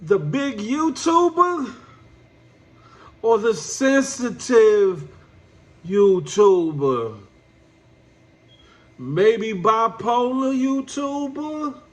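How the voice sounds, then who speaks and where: Congested from allergies, a man with a very high, nasal voice and lively intonation lectures someone directly as a YouTube commentator, addressing him as "my brother." He preaches extremely slowly, leaving long pauses.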